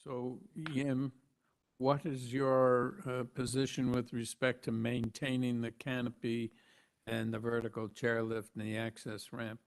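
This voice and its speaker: A Canadian man chairing a public planning hearing, brisk and procedural. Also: medium pitch, monotone. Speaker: committee chair.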